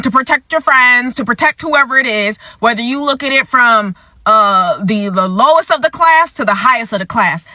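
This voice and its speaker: A woman with a high, sharply bright voice gives an impassioned rant straight to camera. She is blunt, angry and profane, hammering her points home by repeating them while holding back tears. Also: no room sound. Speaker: vlog host.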